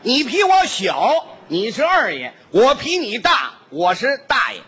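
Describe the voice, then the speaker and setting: A man's voice: extremely high pitch, wildly swooping pitch, a little slow, fairly bright tone, slightly rough. A man performing crosstalk comedy on stage, boasting in a brash, swaggering manner. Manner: brash, boastful bragging delivery. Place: stage before a live audience.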